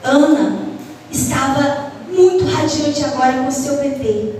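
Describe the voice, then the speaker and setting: A woman's voice: high-pitched, slow pace, slight background noise. Woman telling children a Bible story. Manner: asks the children questions, animated storytelling. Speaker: children's ministry teacher. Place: church hall. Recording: echoey church hall, far from mic.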